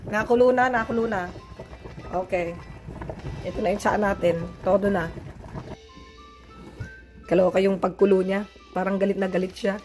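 A woman's voice: medium pitch, level tone, normal speed, long pauses, over music. A woman with a Filipino accent, chatting casually to viewers in a home vlog while getting over the flu, her voice a little changed by it. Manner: chatty, addresses viewers as guys. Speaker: vlogger. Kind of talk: casual cooking and gardening vlog.

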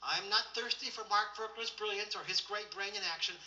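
A man preaches a teaching session, drawing the congregation into repeated declarations and walking them through verses. His voice is high and piercingly bright. He is recorded from a distance in an echoey room, with a muffled, lo-fi quality. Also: a little fast. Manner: directs listeners to underline verses. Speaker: pastor. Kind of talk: church teaching with call-and-response. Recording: echoey, distant, dull lo-fi sound.

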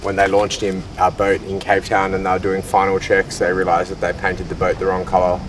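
A man's voice: low-pitched, fairly quick, recorded from a distance, noisy background. A man sailing vlogger casually explaining boat maintenance outdoors at a boatyard, recorded on a handheld camera. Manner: relaxed, explanatory, jokey. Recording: background music under the voice. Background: background music.

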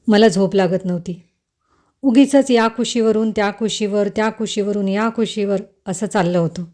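A woman telling a first-person romance story in an intimate, unhurried scripted narration. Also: mid-range voice, darkish tone.

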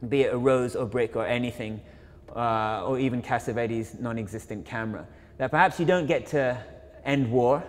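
A man's voice: mid-range voice, normal speed, few pauses. A young man, a photographer and filmmaker, giving an informal illustrated talk in a university auditorium, reflective and full of fillers and self-corrections. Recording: long reverb of a lecture hall.

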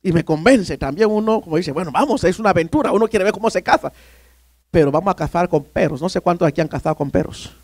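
High-pitched gravelly preacher telling a story. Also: male voice, quick pace, no room sound. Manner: animated storyteller, often addressing "hermano". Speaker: pastor. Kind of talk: sermon storytelling.

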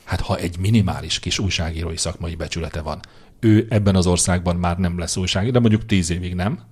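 A man with a very low, husky voice chats on a podcast, teasing his co-host and confidently making predictions. He talks in an opinionated, mocking way, with quick jabs and asides. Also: darkish tone. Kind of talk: casual political chat.

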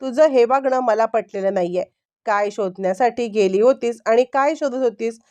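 A woman's voice: on the high side, normal speed, a little mellow, lightly acted. A woman voicing an angry young husband who confronts his wife, in a storybook recap.

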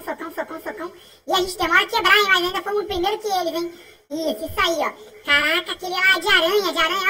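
A gaming channel host from Brazil, with a Brazilian Portuguese accent, narrates a mobile race game as she plays, her voice very high and sharply bright. She's excitable and chatty, talking in quick repeated bursts, repeating phrases and often breaking into laughs and shouts, and she sounds a little distant from the microphone.

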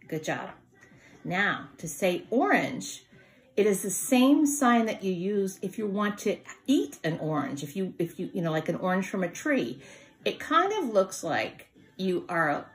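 A middle-aged woman teaching a lesson to young children in simple, encouraging phrases, with questions and repetition. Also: lowish voice. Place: indoor room at home, seated at a wooden table.

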